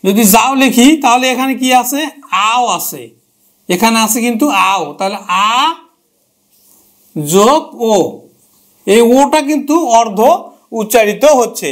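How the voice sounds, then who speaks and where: A man's voice: very high-pitched, animated, measured pace, long pauses. A man teaching a grammar lesson who repeats key terms and asks and answers his own questions.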